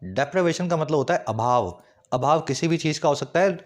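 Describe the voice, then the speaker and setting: A man teaching English vocabulary in a lesson, explaining words in Hindi with frequent check-ins and slowly read example sentences. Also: a little high, lively intonation. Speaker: English tutor.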